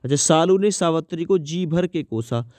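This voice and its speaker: A man teaching an exam-prep grammar lesson, his voice sitting a bit high. He keeps asking questions and answering them himself, repeating each point. The close mic gives a dry sound with no room echo. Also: animated, a little mellow. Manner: reads example sentences slowly.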